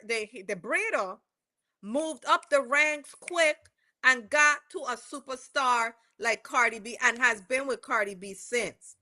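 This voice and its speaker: With a bright, pushed voice that sits high, the woman hosting this livestream rambles casually through a recap of court testimony. She's from the West Indies, has the accent to match, and keeps correcting herself.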